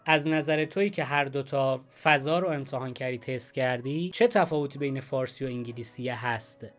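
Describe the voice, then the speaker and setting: A man's voice: mid-range voice, fairly bright tone, faint music behind. A man speaking as the host of a conversational interview.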